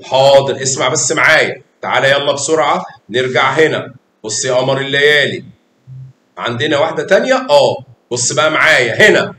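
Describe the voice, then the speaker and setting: A man with an Egyptian Arabic accent teaching a class of young children, patient and affectionate, coaxing them along with pet names. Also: a bit bright. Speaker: math teacher. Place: echoey classroom. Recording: echoey classroom with faint rumble.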